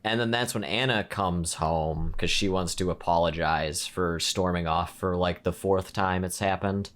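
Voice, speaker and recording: A man's voice: sits low, steady tone, unhurried, fairly bright tone. A young man co-hosting a podcast, recapping a horror film in a rambling, casual way full of filler words. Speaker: podcast co-host. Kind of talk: casual movie review chat.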